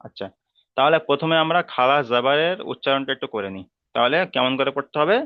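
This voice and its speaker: Man with Bengali accent, patient teacher, smooth clear voice, dry muffled recording. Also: mid-range voice, dry recording. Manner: patient, repeats each term and spells sounds out slowly. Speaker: Quran reading teacher. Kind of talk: slow step-by-step lesson.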